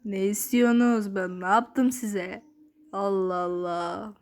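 A woman gives slow, unhurried commentary while she plays a game. She mutters and half-whispers teasing remarks at the players around her, at a middle pitch. It is recorded through a phone screen recorder. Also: fairly even intonation, darkish tone. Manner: talks to opponents, often whispering, playful muttering. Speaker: gamer. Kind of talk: casual gameplay commentary.

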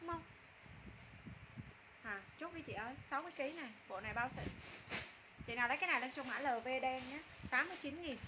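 Woman in her 30s doing live shop sales chat, high voice, repeats her pitch, noisy room on a phone mic. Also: fast talker, pauses often. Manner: repetitive, informal sales patter. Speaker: live-stream clothing seller. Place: small indoor room with curtains.

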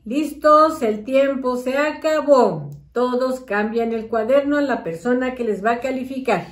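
A woman teacher gives a slow, patient lesson on handwriting and letters to parents and small children. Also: high-pitched. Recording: roomy echo, voice from a distance.

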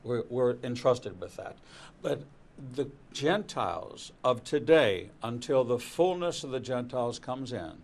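An older man, a rabbi hosting a panel on a TV studio set, speaks in an earnest, preaching tone and repeats words as he goes. His mid-range voice has lively intonation and a measured pace.

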